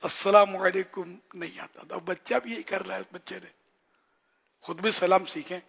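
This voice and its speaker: A man giving an earnest religious teaching in short, admonishing phrases with pauses, as a scholar answering questions. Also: fairly high pitch, gravelly, a bit bright, slightly rough. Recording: long hall reverb.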